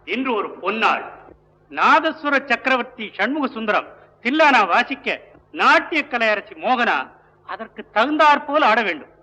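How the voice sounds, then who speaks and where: A man's voice: very high voice, big pitch swings, moderate pace, pushed and bright, long reverb tail, exaggerated voice, poor audio. An actor playing a dignified male contest judge who speaks in a formal, ceremonious way, on an old film soundtrack.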